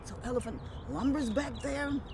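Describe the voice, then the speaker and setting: A woman with a Lowcountry Gullah Geechee accent telling a folktale aloud in a theatrical, emphatic way, repeating phrases. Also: fairly quick. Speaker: storyteller. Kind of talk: animated oral folktale telling. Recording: clearly noisy background.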